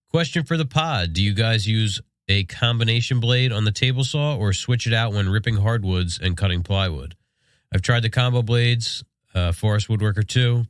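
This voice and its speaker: An American man co-hosts a podcast with laid-back, casual shop talk, sounding congested from a sinus infection. His voice is lowish, and the recording is dry and studio quality.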